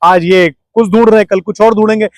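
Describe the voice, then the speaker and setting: High-voiced man arguing hard in a dry room. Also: fairly even intonation, quick pace, no echo. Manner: argumentative, fires rhetorical questions, keeps talking over interruptions. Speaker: interview guest. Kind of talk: heated political interview.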